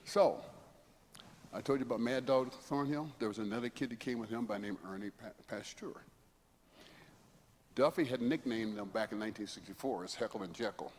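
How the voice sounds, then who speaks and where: A man's voice: on the low side, brisk, a little mellow. A man in his seventies, a guest speaker telling rambling, chuckling anecdotes with frequent asides in a church hall. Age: 70s. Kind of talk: anecdotal storytelling talk. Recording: long hall reverb, faint background noise.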